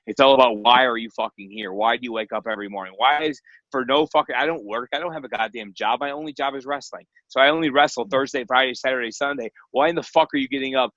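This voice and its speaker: A man's voice: mid-range voice, quick pace, fairly bright tone, no echo, lo-fi sound. A man, a professional wrestler guesting on a podcast, ranting and trash-talking in profane, rambling casual chat. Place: guest room at home.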